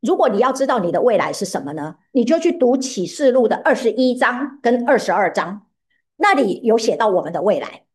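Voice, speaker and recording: A woman's voice: on the high side, very animated, brisk, a little mellow. A woman preaching a sermon who often puts questions to her listeners.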